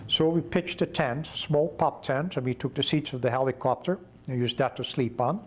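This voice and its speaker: A man's voice: medium pitch, moderate pace, a little hiss or hum. Older man telling a vivid story. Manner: vivid storyteller, acting out dialogue. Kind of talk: documentary interview storytelling.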